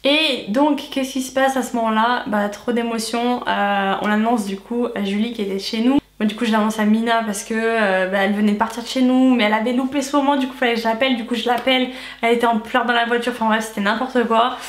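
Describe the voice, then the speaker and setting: A woman's voice: on the high side, steady tone, fast talker. Woman with a retainer lisp, echoey room. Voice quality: nasal, stuffy nose. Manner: chatty, candid, slangy asides. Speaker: vlogger. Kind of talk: casual storytime vlog to viewers.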